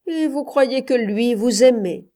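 A woman's voice: mid-range voice, a little slow, darkish tone, close to an everyday voice. A woman reading aloud gives voice to a bitter, jealous husband, questioning his wife with cutting sarcasm in a storybook reading. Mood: pressing.

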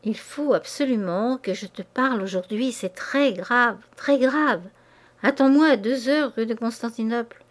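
A woman's voice: a little high, unhurried, close to an everyday voice. A woman reading a novel aloud, giving voice to an anxious older woman who pleads and implores. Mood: urgent. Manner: plaintive and imploring.

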